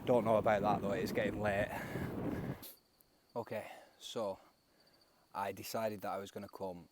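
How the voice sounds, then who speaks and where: A man's voice: fairly low pitch, little pitch movement, normal speed. A man chatting casually as he vlogs a night bike ride outdoors, rambling with lots of fillers. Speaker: cycling vlogger. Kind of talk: casual vlog narration while riding. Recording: windy outdoor phone recording. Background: wind noise.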